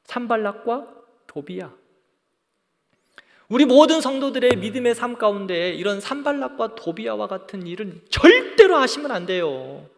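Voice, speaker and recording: A man's voice: sits high, sing-song, moderate pace, vocal fry, big-room sound. A man preaching a sermon as pastor, fervent and often checking in with his congregation. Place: church sanctuary.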